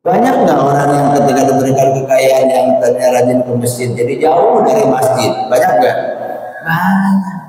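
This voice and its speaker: A man's voice: mid-range voice, moderate pace. Man preaching in an echoey hall. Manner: lively, joking, asks the crowd questions. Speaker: religious teacher. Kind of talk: sermon to a men's study group. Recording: echoey hall, distant mic, faint noise.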